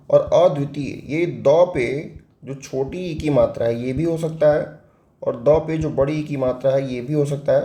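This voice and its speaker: An exam-prep spelling lesson is led by a man with a Hindi accent whose voice is mellow though a little high. He works through each word step by step, raising questions and supplying the answers himself, and the recording has a roomy echo.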